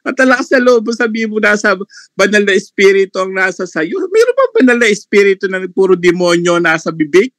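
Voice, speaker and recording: A man's voice: high voice, big pitch swings, a little fast, a bit bright, no echo. A man commenting on a religious debate on an online live panel, mocking and laughing often between remarks.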